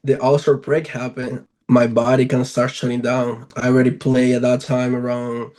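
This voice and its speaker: A Venezuelan professional baseball player in his twenties talks casually as an interview guest, with a Latin American accent. His mid-range voice is a little mellow, level in tone and at a normal speed.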